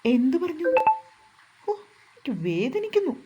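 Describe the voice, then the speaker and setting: A woman voicing a feisty, sharp-tongued young wife in a storybook reading, answering back with quick, indignant retorts. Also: high-pitched, very animated, lo-fi sound, pitched above the performer's own voice. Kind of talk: storybook narration.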